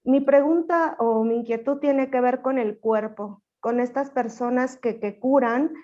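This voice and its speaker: A woman's voice: fairly high pitch, a little slow, warm tone, dull audio. A woman in a seminar audience politely asking a question, courteous and congratulating.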